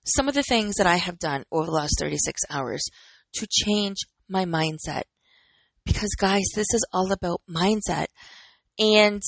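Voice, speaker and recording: A woman's voice: mid-range voice, gravelly, slightly rough, no room sound, poor audio. A woman in her forties talking in an earnest, encouraging and reflective way, as host of a personal motivational talk, smiling as she speaks. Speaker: podcast host.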